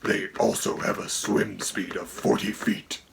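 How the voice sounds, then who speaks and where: A man voicing a haughty dragon co-host who speaks in a gravelly, whispery voice and a dry, condescending tone. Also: low voice, flat delivery, unhurried, a loud crowd, full character voice. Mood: deadpan. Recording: music playing under the voice.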